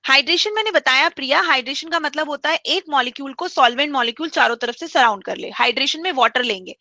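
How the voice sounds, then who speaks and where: Woman chemistry teacher, high bright voice, patient step-by-step explainer, dry close mic. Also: no echo. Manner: explains step by step, repeats key points; mixes English terms into speech. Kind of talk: online class lecture.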